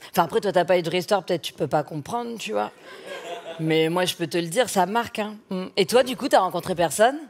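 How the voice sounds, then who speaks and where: A woman on a stand-up stage playing a self-absorbed Parisian friend who talks in a chatty, condescending way. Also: on the low side. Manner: condescending, chatty, interrupts herself.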